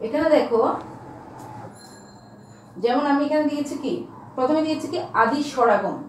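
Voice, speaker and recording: A woman teaching a grammar lesson to students, who asks questions and answers them herself while repeating key terms slowly. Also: high voice, animated, very echoey, recorded from a distance, a little hiss or hum, rough recording. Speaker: school teacher.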